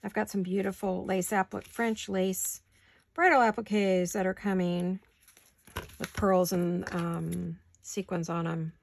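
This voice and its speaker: A woman's voice: on the low side, level tone, unhurried, creaky, a little hiss or hum. A woman hosting a crafting video, chatting casually and talking to herself as she works. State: hiccups. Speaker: crafting channel host. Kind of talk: casual crafting chat while working.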